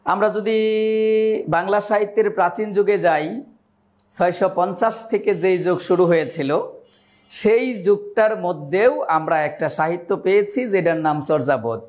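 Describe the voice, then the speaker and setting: A young man with a notably high voice leads an online grammar class for exam takers. He talks in a chatty, joking way and slows down when he recites old verses. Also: a little mellow. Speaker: teacher.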